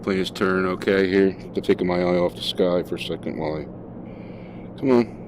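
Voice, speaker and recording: A deep-voiced man streams a flight simulator session, chatting casually and using fillers as he thinks aloud mid-flight. He speaks a little fast against a noisy background.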